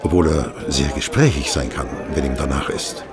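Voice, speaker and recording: An actor playing Stamford, an affable, chatty former hospital assistant doctor, in a radio play. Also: male voice, extremely low pitch, normal speed. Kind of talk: German radio play acting. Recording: restaurant crowd murmur behind. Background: restaurant chatter.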